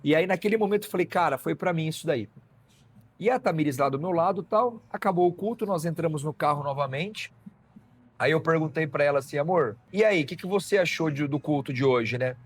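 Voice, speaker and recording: A man tells his story as a guest in a sit-down conversation. His voice sits a bit high and is husky, and he slips into the voices of the people he quotes, checking in often with his listener. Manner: storytelling, acts out quoted dialogue, frequent "né?" tags. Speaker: guest physician. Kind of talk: personal testimony in a conversation.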